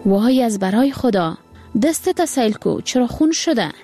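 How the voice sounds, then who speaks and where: A woman's voice: mid-range voice, dark tone, soft background music, natural voice. A woman voicing a worried, loving mother and wife, with an exclaiming, pleading manner. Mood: anxious.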